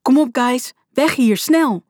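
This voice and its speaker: A woman voicing an excitable teenage boy in a storybook, eager and quick to hurry his friends along. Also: medium pitch, no echo, studio quality, pitched above the performer's own voice, lightly acted. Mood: urgent. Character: excitable teenage boy, sprinkles in English words.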